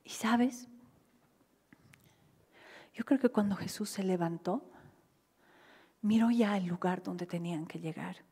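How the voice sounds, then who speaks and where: A woman with a Bolivian Spanish accent preaching a sermon in a church hall, dropping to near-whispers and rising to loud cries. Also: on the low side, moderate pace, gravelly, slightly rough. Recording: livestream with long hall reverb.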